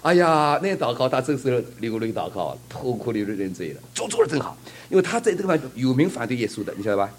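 A man's voice: mid-range voice, very animated, fast talker, hardly any pauses, slight background noise. A man preaching a fervent sermon and telling a testimony, asking the congregation rhetorical questions.

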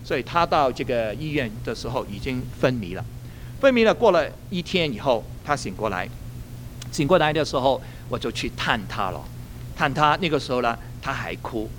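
A male pastor preaching a sermon, telling a story in an animated way and laughing at his own jokes. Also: mid-range voice, moderate pace, slight background noise.

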